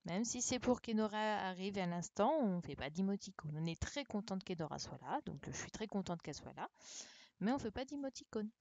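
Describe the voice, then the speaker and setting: Her mid-range voice has lively intonation, a slightly quick pace and a darkish tone, recorded dry with lo-fi quality. She's a French primary teacher streaming an online class from home on a computer mic. With young pupils, she goes over a dictation, spelling words out letter by letter in a patient, checking way.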